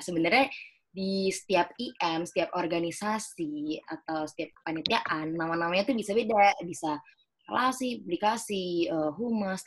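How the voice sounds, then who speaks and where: A woman's voice: fairly low pitch, slightly rough. A young woman giving a casual talk on a video call, chatty and full of fillers. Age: young adult. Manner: chatty, many fillers, acts out example phrases. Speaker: speaker at a student organization webinar.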